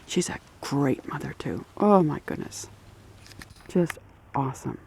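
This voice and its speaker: A woman filming her dogs on a lakeside dock and chatting casually behind the camera, often dropping to a whisper and voicing the dogs in a high squeak. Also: expressive, measured pace, gravelly, warm tone, slight background noise. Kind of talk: casual home video narration.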